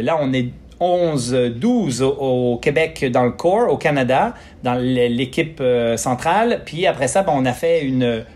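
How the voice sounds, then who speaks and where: A man in his forties with a Quebec French accent, a physiotherapist talking as a podcast guest, pausing often with fillers and restarts. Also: mid-range voice. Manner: hesitant, many fillers and restarts. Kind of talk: casual interview talk.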